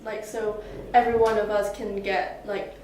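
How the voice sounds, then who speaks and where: A seventeen-year-old summer school student from Hong Kong answers interview questions, her speech full of hesitant fillers. Her mid-range voice is flat and moderately paced. The recording is echoey, with a distant mic and faint noise.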